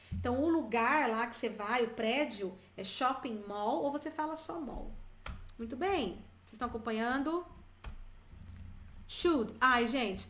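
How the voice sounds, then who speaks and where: A Brazilian woman teaching English to viewers, chatty and repeating example phrases slowly for learners. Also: on the high side, a bit bright, echoey room. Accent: Brazilian Portuguese. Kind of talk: bilingual English lesson, addressing viewers.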